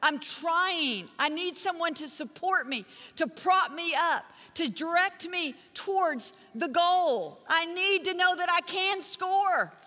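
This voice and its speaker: A middle-aged woman preaching a sermon in a large church auditorium, her high, bright voice ringing with a long hall reverb. She tells stories and drives her points home with punchy, repeated phrases. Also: animated, takes it slowly, few pauses. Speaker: pastor.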